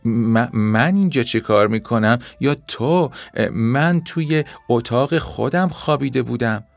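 A man's voice: medium pitch, creaky, dry recording, soft background music, lightly acted. A man voicing a pessimistic little ant in a children's storybook reading, pushing his voice up into a whiny register. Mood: confused.

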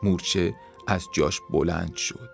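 A man calmly narrating a children's story in a measured reading voice. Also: low voice, vocal fry, soft background music.

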